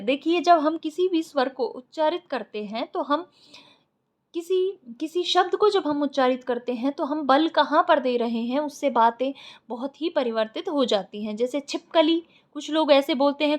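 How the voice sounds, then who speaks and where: A woman's voice: high voice, moderate pace. A woman teaching an exam-prep lecture, explaining step by step and repeating the key points. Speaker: Sanskrit teacher.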